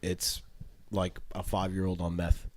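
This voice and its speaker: A man's voice: low voice, completely flat delivery, measured pace, darkish tone, slight background noise. A man co-hosting a casual podcast, cutting in with blunt wisecracks. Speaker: podcast co-host.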